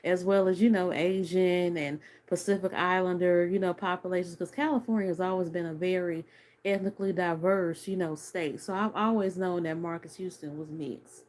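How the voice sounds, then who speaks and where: Speaking at a moderate pace with fairly even intonation, this thirtysomething woman has a low, somewhat mellow voice. She offers an opinionated, earnest review straight to camera, chatting casually and leaning heavily on fillers such as "like" and "you know."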